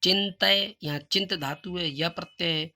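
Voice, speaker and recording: A man teaching a Sanskrit lesson, reading questions slowly and emphatically, then explaining them in casual Hindi. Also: on the high side, sharp tone. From India. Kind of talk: recorded classroom lesson.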